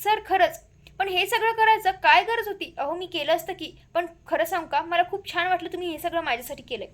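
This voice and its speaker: Lady doing a sweet polite young wife, respectful, really high voice. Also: a little fast. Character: young woman, gentle devoted wife.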